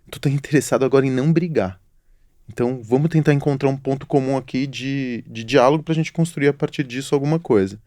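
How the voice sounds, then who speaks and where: Warm-toned and mid-range, the middle-aged host of a relaxed interview podcast talks quickly as he shares thoughtful, philosophical stories. Now and then he adds an apologetic aside. There's no echo on the recording.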